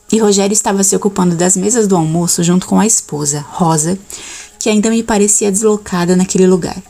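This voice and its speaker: Woman audiobook narrator, low gravelly voice, faint music underneath. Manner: steady first-person storytelling.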